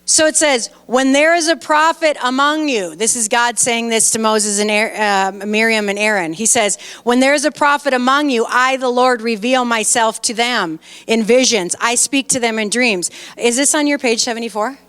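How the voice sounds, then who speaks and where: A woman pastor preaches in a church, telling scripture stories with lively, animated energy and reading passages aloud. Her voice sits on the higher side and comes through smooth and resonant. The sound carries a long reverb from the hall. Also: moderate pace, hardly any pauses. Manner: animated storytelling, reads aloud and chats with listeners. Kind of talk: lively sermon retelling scripture. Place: church sanctuary.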